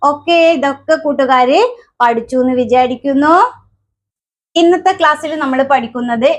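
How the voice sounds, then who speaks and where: A woman with a Keralan Malayalam accent teaching children letters. She asks question after question, answers them herself, and sounds out letters slowly. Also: high-pitched. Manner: slow, drawn-out sounding of letters. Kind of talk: children's alphabet lesson.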